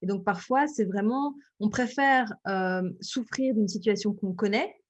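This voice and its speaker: A woman hosting an interview, speaking thoughtfully and pausing often with fillers. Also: mid-range voice, a little hiss or hum. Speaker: host. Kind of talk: conversational interview.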